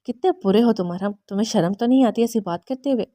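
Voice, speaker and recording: A woman's voice: a little high, mellow, no echo, clean studio sound, close to an everyday voice. A woman reading the lines of an emotional young wife who bristles at her husband's jokes. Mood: indignant.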